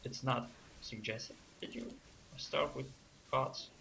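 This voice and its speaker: A man in relaxed gaming chat who teases his co-host and agrees easily. His voice sits at mid pitch over a clear layer of background noise. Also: slow pace, rough recording.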